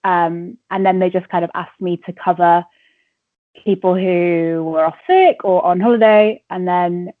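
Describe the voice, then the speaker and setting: This radio presenter and entertainment reporter is a Welsh woman in her twenties with an English accent, answering interview questions in a relaxed way with lots of laughs and fillers. Her voice is fairly low, steady in tone and measured in pace, with no room sound on a tinny phone-line recording.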